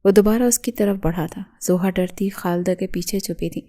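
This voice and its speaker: A woman narrates a romance novel with a dramatic, emotive delivery. Her voice is warm and mellow, never bright or sharp. It is a scripted storybook reading. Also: mid-range voice, fairly even intonation.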